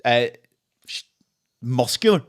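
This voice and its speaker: A man's voice: medium pitch, lively intonation, slow, a bit bright. A young man, a podcast co-host, telling a funny story in casual chat with lots of laughing and swearing.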